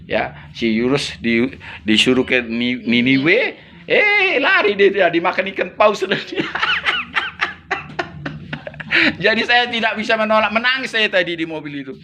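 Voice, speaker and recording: A man's voice: a little high, animated, normal speed, background noise. A man who is a missionary pastor. He tells stories in a casual chat, laughs often and acts out what people said. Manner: chatty, laughs often, acts out quoted speech.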